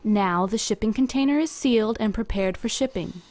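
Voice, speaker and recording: A woman narrates a company video, reading a scripted instructional voice-over in an even, measured, step-by-step way. Her voice is medium in pitch, and it was recorded separately from the workshop shown on screen.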